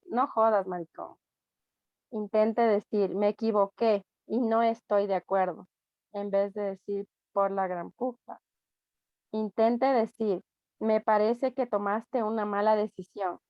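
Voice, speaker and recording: A woman with an Ecuadorian accent, a student reading a text aloud in class, steady with small slips. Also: medium pitch, dry recording, dull audio. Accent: Ecuadorian Spanish.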